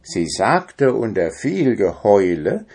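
A man's voice: lowish voice, big pitch swings, slow pace, a little mellow, exaggerated voice. A man voicing two cheerful ducklings who speak in sing-song rhymes in a storybook reading.

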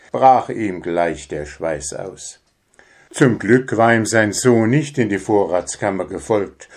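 A man reading a children's story aloud in a calm, measured way. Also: lowish voice.

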